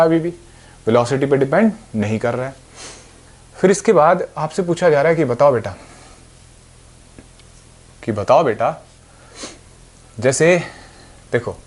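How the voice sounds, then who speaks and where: A man's voice: mid-range voice, a little mellow, slight background noise. A young man teaching physics. He explains step by step and keeps checking that his students are following. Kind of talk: whiteboard physics lesson.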